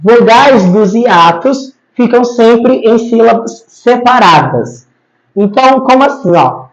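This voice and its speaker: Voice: medium pitch, lively intonation, slow pace. A teacher explains grammar rules at a board patiently, repeating each rule and checking in with the class. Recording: slightly dull lo-fi recording.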